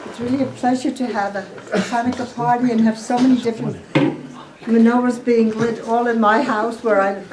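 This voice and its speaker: Speaking to guests gathered at her home, a Holocaust survivor in her eighties, born in Poland and raised in the U.S., testifies informally and emphatically, often asking her listeners questions. Her voice is on the high side and darkish. The rough recording carries a little hiss or hum.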